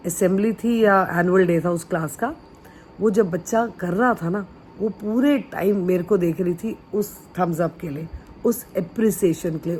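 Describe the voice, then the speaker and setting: A woman's voice: on the low side, darkish tone, a little hiss or hum, low-quality recording. A woman who teaches dance at a school tells teaching stories and gives earnest, encouraging advice to fellow teachers, mixing English phrases into her talk. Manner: mixes Hindi with English phrases.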